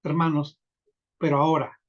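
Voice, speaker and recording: A man preaching a sermon, speaking slowly and deliberately, calling his listeners brothers and reading scripture aloud. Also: fairly high pitch, level tone. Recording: dull lo-fi recording.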